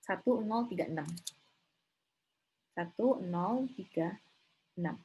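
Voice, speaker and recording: A woman with a lowish voice teaches an informal accounting class online, speaking slowly and thinking out loud. She keeps checking in with her students through short tag questions, and the slightly rough recording is muffled with a little hiss or hum.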